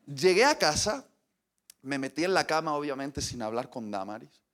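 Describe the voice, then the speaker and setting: A man, preaching a sermon as an animated storyteller who acts out scenes and voices. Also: on the high side, moderate pace.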